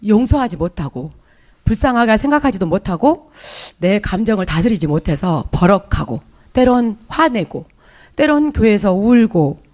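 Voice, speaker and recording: A woman's voice: fairly high pitch, darkish tone. A woman with a Jeolla Korean accent tells her own story of faith before a congregation. She speaks in an emotional, confessional way. Her words are broken by hesitant fillers and restarts. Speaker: church member giving testimony. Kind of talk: spoken personal testimony in church.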